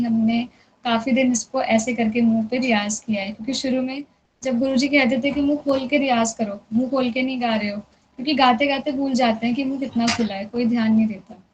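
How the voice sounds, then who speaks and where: A woman's voice: fairly high pitch, fairly even intonation, brisk. A young woman teaching a singing lesson, patiently checking that students follow and drawing out syllables to demonstrate. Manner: patient, checks understanding often. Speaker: music teacher. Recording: dull lo-fi sound with faint noise.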